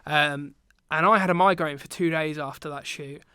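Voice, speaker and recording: Young british guy chatting on a podcast, crisp clear voice, lots of ums. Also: on the high side, normal speed, dry recording, studio quality. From Britain. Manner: relaxed storytelling with many ums. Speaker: podcast guest, teacher and business owner. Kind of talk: casual podcast chat.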